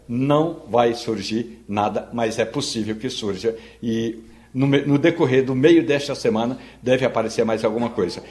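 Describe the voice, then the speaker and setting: A man's voice: mid-range voice, darkish tone. A man giving wry political commentary as a radio correspondent from a studio. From Pernambuco, Brazil.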